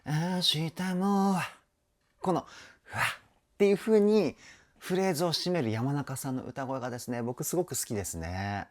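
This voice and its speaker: A man's voice: medium pitch, lively intonation, a little fast, darkish tone. A man working as a vocal trainer, reacting to a song with enthusiasm and explaining singing technique in casual talk. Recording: music playing in the background.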